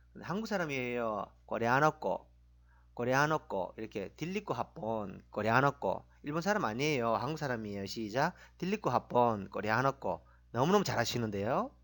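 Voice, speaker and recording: A middle-aged man teaches a language lesson with a lively, bouncing pitch. He drills short phrases and has listeners repeat them. His tone stays encouraging throughout.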